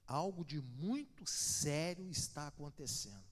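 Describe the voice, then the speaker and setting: A man's voice: fairly high pitch, measured pace. Brazilian man preaching in a reverberant church. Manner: animated storytelling, swinging from loud to hushed. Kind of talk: sermon. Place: church sanctuary.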